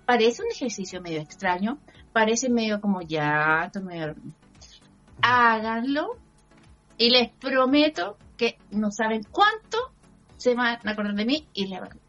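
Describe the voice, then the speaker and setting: A woman's voice: on the high side, lively intonation, a little slow, fairly bright tone, dull audio, soft background music. A woman with a Chilean Spanish accent, talking earnestly as a personal growth coach and checking that her listener agrees. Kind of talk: motivational talk show chat.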